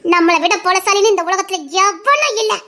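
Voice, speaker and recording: [name], a woman playing a very high-voiced heroine with a Tirunelveli accent. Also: lively intonation, normal speed, pushed and bright, full character voice. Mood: defiant. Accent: Tirunelveli Tamil. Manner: defiant, then sorrowful and pleading. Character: devoted, tearful young heroine. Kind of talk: dramatic serial acting.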